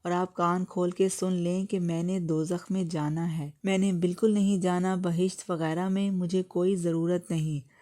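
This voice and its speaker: A woman's voice: lowish voice, level tone, dark tone, close to an everyday voice. A woman voicing an angry, defiant young female student who argues hard, in a storybook reading. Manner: defiant, argumentative.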